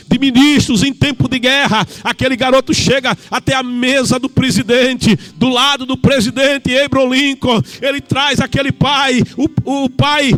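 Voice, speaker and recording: A male evangelist, telling a story in a sermon with an impassioned, sing-song preaching cadence that rises into shouts. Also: extremely high pitch.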